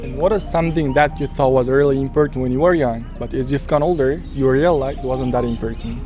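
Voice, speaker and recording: A man's voice: mid-range voice, quick pace, mellow, soft background music. A man interviewing people on a street, asking short questions in non-native phrasing.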